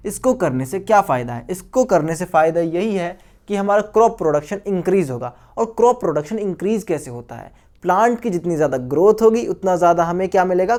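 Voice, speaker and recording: A man's voice: high voice, a little mellow. Man teaching, asking and answering himself. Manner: asks questions and answers them himself; repeats key terms and calls students guys and beta. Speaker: science teacher. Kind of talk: video lecture for school students.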